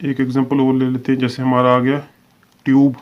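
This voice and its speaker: A man runs through a step-by-step shorthand video lesson a little fast, his medium-pitched voice completely flat. He explains each example with patience, repeats his phrases, and lingers on the example words. The recording sounds dull and lo-fi.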